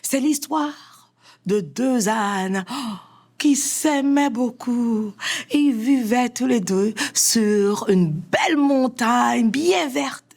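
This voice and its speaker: A woman storyteller, in a lively sing-song telling style. She takes her time, and her voice has a gravelly, creaky texture. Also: a little high, very slow. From Haiti. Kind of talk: storytelling performance.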